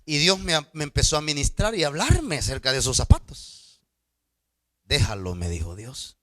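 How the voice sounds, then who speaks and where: A man preaching to his church, jumping between loud, excited outbursts and low, confiding asides, often stammering over his words. His voice sits a little high and rings very bright. The sound is close and dry, with no room echo. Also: normal speed. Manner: stammering repetitions. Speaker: pastor. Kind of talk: sermon with storytelling.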